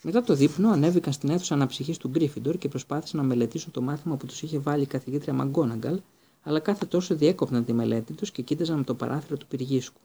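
A man's voice: fairly high pitch, dark tone, husky. A man narrating an audiobook steadily, with occasional stumbles.

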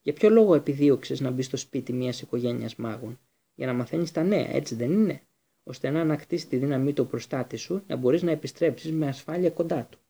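A man's voice: medium pitch, lively intonation, creaky, mellow, breathy edge. A man voicing a bitter escaped male prisoner in an audiobook reading, fierce and accusing in delivery. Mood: contemptuous.

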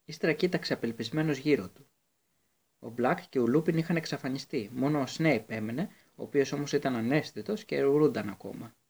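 A man narrating a story as an audiobook, at a middling pitch for a man. He reads steadily, now and then stumbling on a word and starting it again. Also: slightly rough. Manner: steady reading with occasional slips and restarts. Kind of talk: audiobook reading.

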